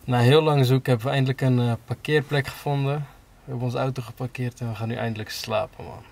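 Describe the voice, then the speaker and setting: A man's voice: medium pitch, steady tone, fast talker, vocal fry, noisy background. A young man chatting on a travel vlog, upbeat and casual, often tagging his sentences with "man", filmed on a handheld camera. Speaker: travel vlogger. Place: outdoors and in a parked minivan.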